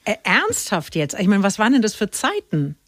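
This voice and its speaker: A woman hosting a conversational radio interview, putting lively, direct questions to a guest. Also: mid-range voice, normal speed, no echo, studio quality. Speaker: radio talk show host.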